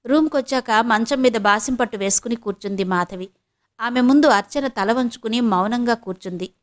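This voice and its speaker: A woman from India, a channel host, reading an audio novel in a soft, steady storytelling voice. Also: fairly high pitch, normal speed. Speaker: audiobook narrator. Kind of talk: scripted audio novel narration.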